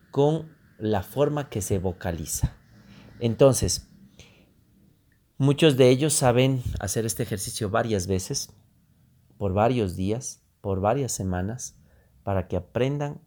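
A man giving a public speaking lesson, unhurried, repeating phrases and pausing with fillers. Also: lowish voice, dark tone. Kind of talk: instructional talk.

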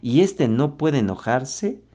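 A man giving a motivational talk on social success, speaking with slow, deliberate emphasis and asking rhetorical questions. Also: medium pitch, animated, dark tone. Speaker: self-improvement speaker.

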